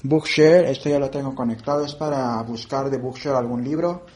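A man presenting a relaxed tutorial, explaining app settings step by step and thinking aloud as he goes. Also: mid-range voice, moderate pace, slight background noise. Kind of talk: screen-reader app walkthrough.

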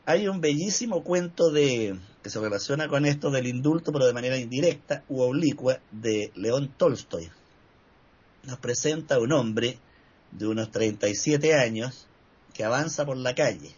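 An older man speaking in a measured, discursive way on a discussion panel, often pausing on "eh". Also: medium pitch, lively intonation, a little mellow, husky, dull audio. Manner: measured, discursive, with frequent "eh" fillers. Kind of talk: reflective discussion talk.

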